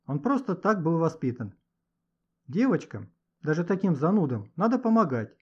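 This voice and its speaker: A man narrating a children's story in an expressive, scripted reading. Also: a little high, normal speed, breathy edge. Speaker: audiobook narrator. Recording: dull lo-fi recording.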